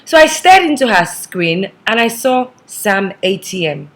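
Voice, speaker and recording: A woman with a Nigerian accent hosts a casual, playful vlog in a hoarse, swallowed voice that sounds partly lost. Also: mid-range voice, big pitch swings, a little slow. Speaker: vlog host. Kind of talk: casual chatty vlog monologue.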